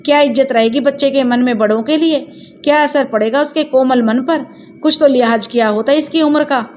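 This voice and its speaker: A loving grandmother voiced by a woman in a storybook reading, calm and firm as she corrects the family. Gentle at heart but stern when needed. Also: high voice, a little fast, slight background noise, lightly acted. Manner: calm, admonishing.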